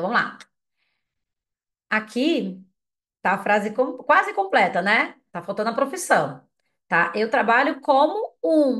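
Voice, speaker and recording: A woman whose first language is Portuguese, giving an English lesson, drilling words slowly and patiently with repetition prompts. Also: on the high side, fairly bright tone. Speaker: English teacher.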